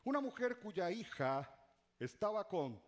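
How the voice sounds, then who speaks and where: A middle-aged man preaching a sermon as pastor, repeating key words for effect, dropping to a hush and rising again, with humorous asides to his congregation. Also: high voice, big pitch swings, unhurried. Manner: preaching with dramatic repetition and swings from loud to hushed.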